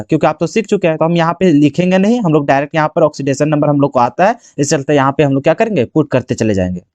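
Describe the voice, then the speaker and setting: A man's voice: a little high, a little mellow, no echo. A man teaching a chemistry lesson for board exam prep, constantly asking the class questions and answering them himself. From Jharkhand, India.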